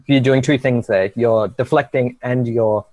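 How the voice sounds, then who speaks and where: A man's voice: mid-range voice, unhurried, darkish tone, no room sound. Dry, close-sounding male game master. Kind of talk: casual rules guidance and prompting.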